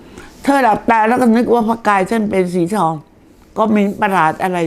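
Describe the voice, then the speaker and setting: In a mid-range voice, an older woman talks through the names of deities in a casual, conversational lesson, taking her time with explanations and reading each name out loud.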